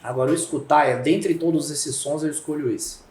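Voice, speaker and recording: A man with a Brazilian Portuguese accent, a podcast guest explaining communication through lively stories and acted-out dialogue. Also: on the high side, a little fast, roomy sound. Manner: animated storyteller acting out quoted dialogue. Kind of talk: conversational podcast interview.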